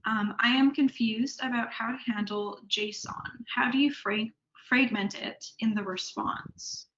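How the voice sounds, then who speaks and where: A woman's voice: on the high side, steady tone, a little slow, fairly bright tone, lo-fi sound. A woman moderating a webinar, reading out viewer questions in an upbeat way.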